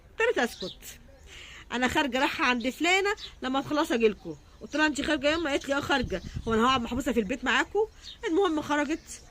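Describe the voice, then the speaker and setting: A woman's voice: high voice, a bit bright, a little hiss or hum. A woman with a rural Egyptian accent telling a personal story in a casual, indignant way, acting out the dialogue of the people in it. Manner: indignant, repetitive, quotes others in dialogue.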